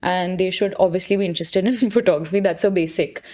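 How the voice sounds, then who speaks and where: A woman's voice: on the low side, steady tone, fast talker, darkish tone. A woman with an Indian accent talking casually as a photographer in conversation, informally mixing in the odd Hindi word. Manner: informal, mixes in Hindi words. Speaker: photographer being interviewed.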